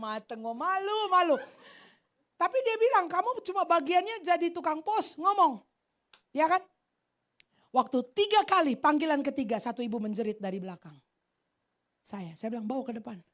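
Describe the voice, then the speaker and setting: A middle-aged woman pastor with a Medan Indonesian accent, preaching a lively sermon full of stories and acted-out quotes, with English phrases mixed in. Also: sits high, moderate pace, pauses often. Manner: animated, mixes English phrases, acts out quoted voices. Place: church hall.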